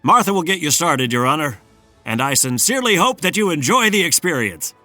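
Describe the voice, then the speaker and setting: A man's voice: fairly high pitch, big pitch swings, fairly quick, pushed and bright, dry recording, faint music behind, pitched above the performer's own voice. A man voicing a jolly, scheming male farmer raccoon in a storybook, hearty and teasing.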